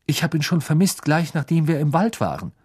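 Audiobook figure: a man playing an earnest teen boy, lifted pitch, protesting. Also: big pitch swings, fairly quick, a little mellow, husky, no echo, studio quality. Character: earnest teenage boy wizard.

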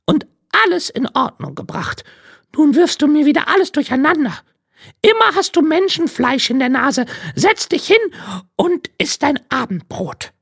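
A crafty, kindly old grandmother in a high, creaky falsetto, played by a man. She fusses in a sing-song way, and her voice swings widely up and down. It is a dry storybook reading. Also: very animated, unhurried, a bit bright, dry recording, heavily acted. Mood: scolding.

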